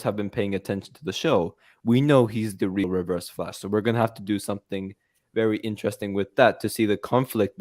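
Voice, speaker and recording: Male livestream host, low register, playful and rambling. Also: a little mellow. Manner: playful, teasing, rambling with fillers. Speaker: host of a fan news livestream. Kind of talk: casual livestream chat.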